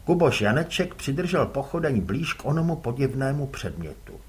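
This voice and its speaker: A man narrating an audiobook with an expressive, dramatic reading. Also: mid-range voice, breathy edge. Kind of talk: scripted narration.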